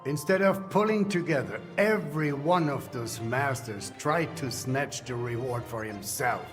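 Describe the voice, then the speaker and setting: A man's voice: medium pitch, a little slow, natural voice. Male actor as a chatty, sardonic town elder type; echoing room, music bed. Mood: wry. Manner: wry storytelling. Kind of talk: video game dialogue. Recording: reverberant room with music behind.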